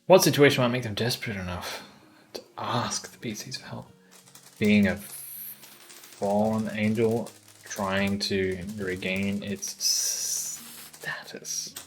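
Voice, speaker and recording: Slow, low-voiced man thinking aloud. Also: faint music behind. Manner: hesitant, thinking aloud with many ums. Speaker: streamer. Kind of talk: casual livestream brainstorming.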